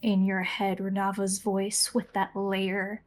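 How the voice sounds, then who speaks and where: A woman's voice: medium pitch, monotone, slow pace. A woman talking casually as a player at a tabletop game.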